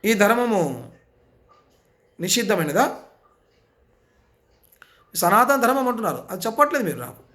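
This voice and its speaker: A man's voice: high voice, sing-song, unhurried, long pauses, pushed and bright. A man preaching a sermon with insistent, repetitive rhetorical questions. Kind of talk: impassioned sermon.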